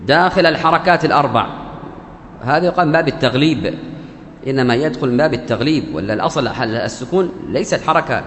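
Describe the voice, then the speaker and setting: A man teaching the rules of Quran recitation in a religious lesson, speaking deliberately and repeating key phrases for emphasis. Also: medium pitch, fairly bright tone. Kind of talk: religious lesson explaining a verse text. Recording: echoey hall with faint background hum.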